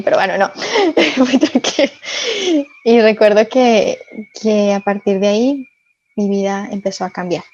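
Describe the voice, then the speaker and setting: A woman from Colombia sharing a personal faith testimony as a podcast guest, telling her story earnestly with soft asides. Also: medium pitch, highs cut off, slight background noise.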